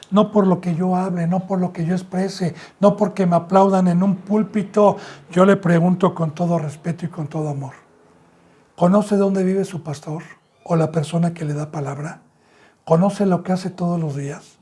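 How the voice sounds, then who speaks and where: Husky pastor preaching emphatically. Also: male voice, dark tone. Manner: preaches with rhetorical questions, addresses listeners as brothers and sisters; emphatic jumps in pitch and volume. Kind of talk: sermon.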